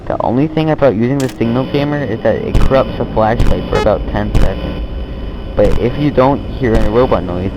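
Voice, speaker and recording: A man's voice: mid-range voice, lightly acted. A man playing a casual night-shift trainer who gives an offhand briefing in a horror game phone-call monologue, often trailing off. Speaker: phone guide briefing a new night guard. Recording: noisy amateur recording, clear background noise.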